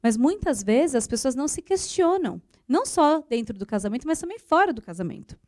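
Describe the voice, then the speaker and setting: Brazilian lady psychologist on a tv talk show, high voice, dry studio sound, explains stuff and acts out example lines. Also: sing-song, brisk, a little mellow, no echo. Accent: Brazilian Portuguese. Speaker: psychologist guest.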